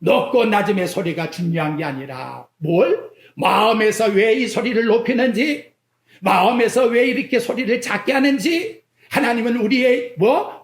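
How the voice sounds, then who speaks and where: A pastor preaching a sermon in a church sanctuary, firing questions at the congregation and swinging between loud exclamations and quiet asides. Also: medium pitch. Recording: echoey church hall.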